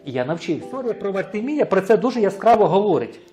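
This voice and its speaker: A man's voice: sits high, sing-song, fast, warm tone, faint music behind. A man with a Ukrainian accent preaching a sermon, often asking the congregation questions and answering them himself, sometimes stumbling and restarting words. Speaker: pastor.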